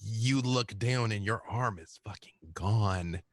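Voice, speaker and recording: A man narrating a tabletop horror game as game master, animated and quick to jump into shouted voices for other figures. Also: lowish voice, no room sound.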